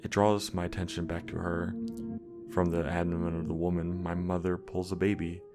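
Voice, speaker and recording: Deep gravelly horror story narrator, man. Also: flat delivery, normal speed. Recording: music playing underneath.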